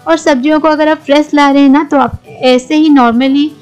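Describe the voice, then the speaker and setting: A middle-aged Indian woman with a high-pitched, fairly evenly intoned voice speaks at normal speed. She hosts a home cooking channel, offering friendly kitchen tips in a voice-over in Hindi mixed with English words, over a soft music bed.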